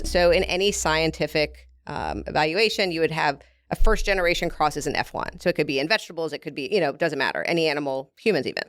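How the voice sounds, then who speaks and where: Low, dry-voiced woman explaining at length. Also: fairly bright tone, dry recording. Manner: explains at length, laughs easily. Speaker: guest from a beef producer. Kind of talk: casual interview talk.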